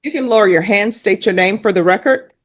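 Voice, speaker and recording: A woman presiding as judge, asking brisk procedural questions, heard on a courtroom recording. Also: mid-range voice. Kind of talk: presiding over a court hearing.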